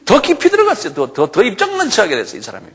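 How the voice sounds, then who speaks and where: A middle-aged male pastor preaching a sermon, acting out quoted lines with shouts and often asking the congregation "예?". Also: sits high, huge pitch swings, racing, husky. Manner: acts out quoted voices, shouting and pleading; asks the audience "예?" often.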